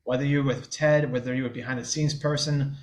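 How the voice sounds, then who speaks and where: A fast-talking man with a mid-range voice and fairly even intonation is being interviewed on a podcast. In his twenties and from the New Orleans area, he stutters openly with blocks and repetitions and speaks frankly and casually.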